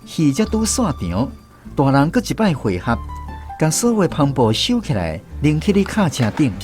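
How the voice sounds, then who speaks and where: Music runs behind a scripted radio drama where a Taiwanese-accented man voices a troupe director looking back on his touring days. He tells the story reminiscently, at a normal speed, in a slightly high, somewhat mellow voice whose pitch swoops wildly.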